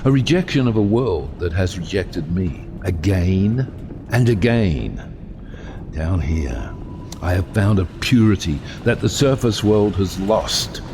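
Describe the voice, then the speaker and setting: An actor playing a proud, brooding, self-exiled submarine captain in an audio drama, with grandiose, deliberate, theatrical delivery and a gravelly voice. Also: male voice, low voice, expressive, noisy background, exaggerated voice. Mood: defiant.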